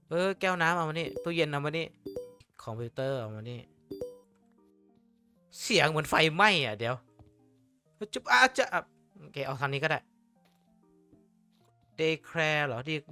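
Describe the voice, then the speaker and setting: A man giving casual commentary while he plays a game, excitable and swearing freely as he talks to himself. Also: fairly high pitch. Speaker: gamer.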